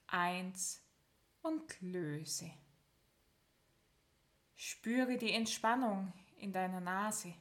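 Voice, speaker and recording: This is a woman leading a progressive muscle relaxation exercise. She talks at an extremely slow, unhurried pace in a mid-pitched voice. She gives her instructions calmly and step by step, and leaves long gaps as she counts down. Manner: calm, instructive, counts down slowly with pauses. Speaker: relaxation guide.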